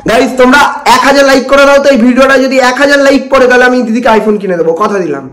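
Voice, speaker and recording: Fast high-voiced young man vlogging a prank. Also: a bit bright. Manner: pleading, repetitive, teasing. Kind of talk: prank vlog chatter to camera.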